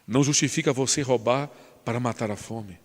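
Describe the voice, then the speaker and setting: A man voicing a stern male schoolteacher who speaks slowly and solemnly. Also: medium pitch, in a large hall, natural voice. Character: stern grown male schoolteacher, grave and unbending.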